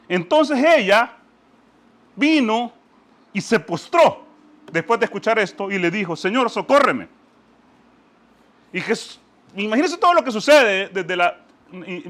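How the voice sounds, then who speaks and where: A man giving animated, emphatic commentary on scripture, often stopping to ask "¿ah?". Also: high voice. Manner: lively, emphatic, asks "¿ah?" often.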